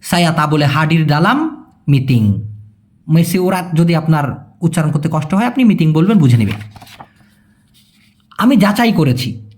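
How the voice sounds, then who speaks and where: Man, casual language lesson, high voice, patient slow repetition. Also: expressive, darkish tone. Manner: explains patiently, repeats phrases slowly and checks understanding. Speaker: language teacher.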